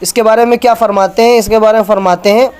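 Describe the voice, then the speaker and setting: A man's voice: high-pitched, steady tone, fast talker, darkish tone, slight background noise. A man giving an argumentative religious talk, reading passages from books and pointing viewers to pages. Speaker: religious speaker.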